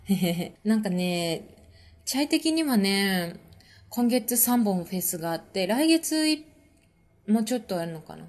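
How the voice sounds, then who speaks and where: A woman hosting a casual live-stream chat with her listeners. She is relaxed and chatty, uses lots of fillers, laughs often, and reads out and answers viewer comments. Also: mid-range voice, measured pace. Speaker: podcast host and musician.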